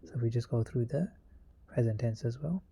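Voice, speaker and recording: A man's voice: medium pitch, moderate pace, creaky, husky. A man teaching a grammar lesson, methodically reciting verb conjugations one form after another. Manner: methodical, reciting verb forms in a steady list.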